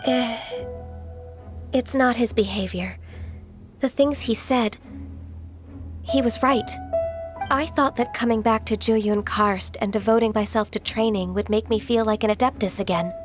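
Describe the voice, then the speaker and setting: A woman voicing a gentle, dutiful, reserved half-spirit maiden in a game, polite and soft-spoken. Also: a little high, steady tone, a little slow, long pauses, music in the background, close to an everyday voice.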